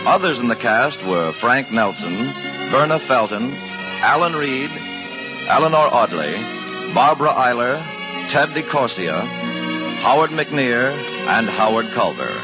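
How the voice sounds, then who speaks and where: A man's voice: mid-range voice, very animated, measured pace, dull audio. A man as a radio announcer, reading formal closing credits, heard from an old broadcast disc recording. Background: orchestral music.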